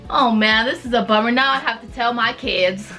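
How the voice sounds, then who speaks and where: A woman's voice: a little high, normal speed, bright, forceful tone, faint music behind. A woman in her twenties making a casual prank phone call, asking naive questions persistently. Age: 20s. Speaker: prank caller in a video. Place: small indoor room.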